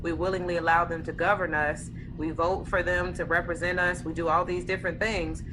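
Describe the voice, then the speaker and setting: A woman hosting a casual conversation, explaining her ideas in an earnest, steady way. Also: fairly low pitch, fairly quick, noisy background. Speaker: host.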